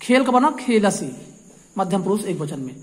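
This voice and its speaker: A woman's voice: medium pitch, sing-song, normal speed, slight background noise. A woman teaching a grammar lesson, explaining patiently and asking questions that she answers herself. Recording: echoey room with long reverb.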